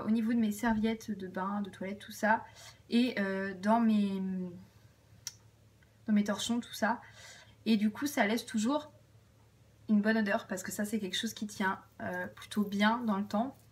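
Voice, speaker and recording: A woman's voice: medium pitch, distant mic. A woman chatting casually about household tips, rambling with many fillers and self-corrections. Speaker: vlogger sharing household tips. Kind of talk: casual chat to camera.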